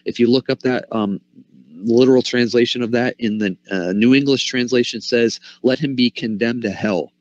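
A man's voice: mid-range voice, no echo. Passionate preaching man, dull sound. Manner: passionate, animated preaching with rhetorical questions to the congregation. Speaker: pastor. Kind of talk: sermon.

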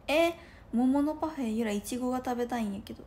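A woman's voice: high voice, fast, darkish tone, a little hiss or hum. Giggly young woman chatting on a livestream. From Japan. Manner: chatty, giggly, rambling with many fillers. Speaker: idol livestreamer. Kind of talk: casual livestream chat. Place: room at home with no curtains.

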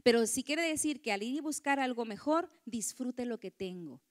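A woman's voice: a little high, animated, moderate pace. A woman giving a motivational talk to women, often asking the audience for agreement. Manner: warm lecturing, acts out quoted voices, asks audience. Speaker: conference speaker.

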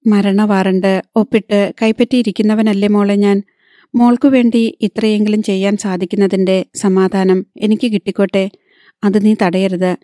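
A woman voicing a proud, hot-tempered aging wealthy father in an audiobook, commanding yet soft with his daughter. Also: sits high, little pitch movement, normal speed, no room sound, studio quality, natural voice. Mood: weary, tender.

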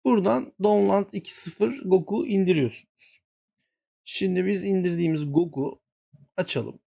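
A man's voice: sits high, normal speed, gravelly, mellow. A man hosting a gaming channel, walking viewers through a screen-share tutorial and muttering to himself when he gets flustered.

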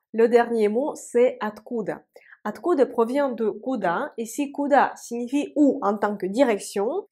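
A woman teaching a language lesson, speaking slowly and carefully and repeating example words. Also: a little high, a little mellow. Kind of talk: Russian lesson for French speakers.

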